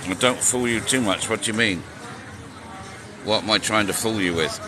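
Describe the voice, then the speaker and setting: Behind this vlogger's fairly low-pitched voice you can hear a crowd, along with traffic and street noise, in a noisy outdoor recording. He's in his sixties, riding through the city and talking at normal speed on a casual live stream, joking around and answering viewer questions.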